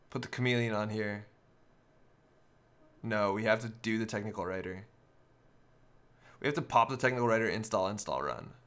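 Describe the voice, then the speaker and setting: A man commentating a card game live, talking it through as he goes. His voice sits at an everyday middle pitch, and he reasons out each move in a loose, conversational way. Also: fairly bright tone, clean tone. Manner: thinks aloud, working through plays step by step.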